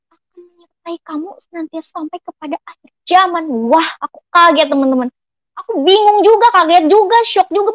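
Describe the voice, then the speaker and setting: A woman's voice: extremely high pitch, no echo, low-quality recording. A woman giving an emotional personal testimony, speaking to her listeners as friends and reading scripture aloud. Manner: reads and quotes scripture aloud.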